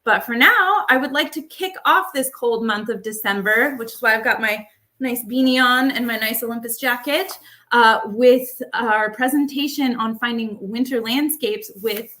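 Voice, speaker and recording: A woman hosts a live online show in a casual, upbeat way, with plenty of fillers. Her voice is bright and sits a little high. She talks into a makeshift microphone. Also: normal speed. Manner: chatty, upbeat, many fillers. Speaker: livestream host. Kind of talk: casual live webinar hosting.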